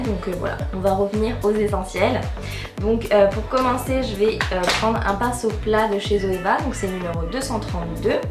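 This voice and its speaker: A young woman chats through a makeup tutorial, stopping often on little fillers as she goes from step to step. Her voice sits at an ordinary middle pitch. It rings a little in a roomy space, and loud music plays behind her. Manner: chatty, frequent "euh" and "donc voilà" fillers. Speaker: beauty vlogger. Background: background music.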